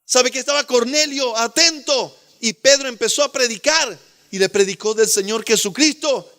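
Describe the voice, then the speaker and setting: A male pastor preaching a sermon with fervor, swinging between loud exclamations and hushed asides and calling listeners beloved brother. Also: very high-pitched, moderate pace.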